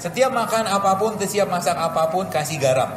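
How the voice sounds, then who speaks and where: A man's voice: high voice, expressive, brisk. A man, a doctor, giving a chatty, joking live health talk with a cooking demo to an audience in a large hall. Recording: echoey hall with room noise.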